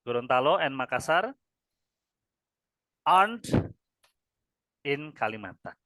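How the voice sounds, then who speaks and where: A man's voice: medium pitch, big pitch swings, slow, sharp tone, dry recording. A man with an Indonesian accent teaching English grammar to a class, ending nearly every phrase with "ya" and drilling answers. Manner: repeats "ya" after each phrase, drills answers with students.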